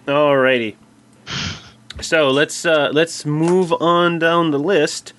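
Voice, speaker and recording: A man's voice: on the high side, little pitch movement, slow, fairly bright tone. Easygoing male podcast host. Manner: easygoing, laughs readily, loose questions. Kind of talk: casual podcast interview.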